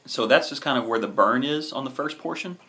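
Male vlog reviewer, thirties, average pitch, laid-back and halting delivery, speaking casually to a camera at arm's length. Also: pushed and bright. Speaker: cigar reviewer, host.

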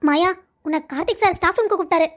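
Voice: very high-pitched, racing, very noisy. A woman voicing a bossy, teasing young woman friend in a cartoon story, scolding and lecturing.

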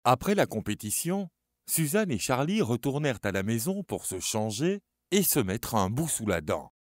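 Expressive male story narrator. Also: mid-range voice, normal speed, dry recording, clean studio sound. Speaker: audiobook narrator.

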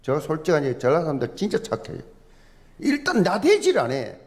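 A middle-aged male pastor from Busan, South Korea, preaches a sermon in Busan Gyeongsang dialect. His voice is a little high and brisk with huge pitch swings, and his emphatic, folksy, humorous delivery moves from loud stresses to soft asides.

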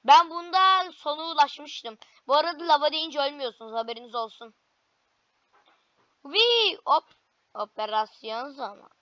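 Excitable high-voiced woman gaming. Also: normal speed, no echo, dull audio. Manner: excitable, frequent frustrated cries and cheers. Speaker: gaming video creator. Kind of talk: gameplay commentary.

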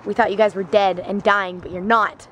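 A young woman with a slightly raspy voice, vlogging in a chatty, giggly, rambling way from a film set where she works as a stunt performer. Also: mid-range voice, flat delivery, normal speed, a bit bright, a little hiss or hum. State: voice sounding raspy. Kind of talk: casual vlog chat.

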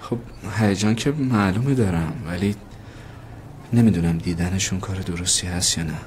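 A man's voice: deep voice, a little mellow, slight background noise, close to an everyday voice. An actor playing a grown son who is unsure about meeting the mother he lost, speaking hesitantly in a TV drama scene. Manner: hesitant, doubtful. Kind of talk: TV drama dialogue.

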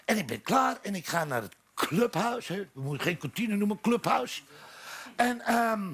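A man's voice: high-pitched, sing-song, normal speed, a bit bright, slightly rough. A man telling a long rambling joke on stage at a talk show, full of fillers and restarts. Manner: rambling anecdotal delivery with many fillers and restarts. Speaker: guest storyteller. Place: village café talk show before a live audience.

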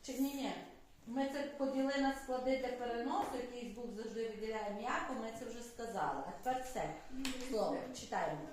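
A woman's voice: fairly high pitch, fairly quick. A woman primary school teacher giving a classroom lesson, patiently checking that the children follow. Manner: patient, checks understanding with "right?". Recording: echoey classroom from far off, faint noise.

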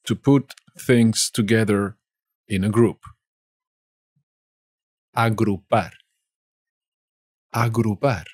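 A man from Spain with a Spanish accent, teaching vocabulary in a slow lesson and saying each word twice. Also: fairly low pitch, steady tone, darkish tone, no echo.

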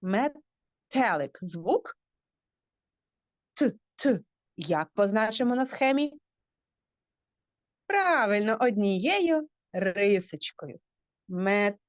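A woman leads a phonics lesson for young children over a video call. She talks very slowly, stretching each word, and her pitch swoops up high on her questions. The sound is dry and slightly dull. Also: big pitch swings, dry recording. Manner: drawn-out words, rising questions to the children. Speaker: teacher. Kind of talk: slow, sing-song phonics lesson for small children.

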